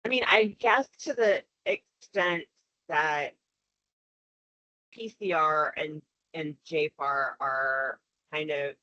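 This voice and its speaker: A woman's voice: low-pitched, sharp tone, dry recording. A woman on a conference call that breaks up, speaking hesitantly and correcting herself in a work meeting. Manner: hesitant, halting and self-correcting. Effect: conference call audio, breaking up. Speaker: committee member drafting defense standards. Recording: muffled lo-fi call line.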